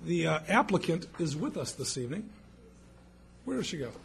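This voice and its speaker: A man's voice: on the high side, big pitch swings, normal speed, gravelly, slight background noise. A man serving as mayor, chairing a city council meeting with a joking, folksy but formal manner.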